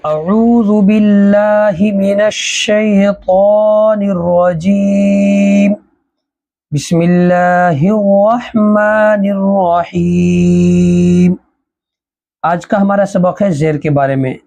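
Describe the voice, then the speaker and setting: Woman, reading lesson, very slow pace, dark mellow tone, measured letter drill. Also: medium pitch, steady tone. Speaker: Qur'an reading teacher. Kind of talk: reading lesson, spelling out syllables.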